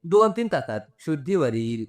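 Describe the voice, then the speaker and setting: A caring sister-in-law, anxious but steady, as a male narrator voices her. She fires off concerned questions with a lively, animated rise and fall. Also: a little high, normal speed, voice pushed up. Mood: worried. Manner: concerned, questioning, then taking charge.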